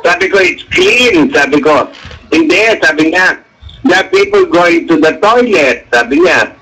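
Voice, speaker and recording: A middle-aged radio guest with a fairly high, husky voice talks at a measured pace in a casual interview. He's an animated storyteller who acts out quoted dialogue from his anecdotes, captured on a rough recording.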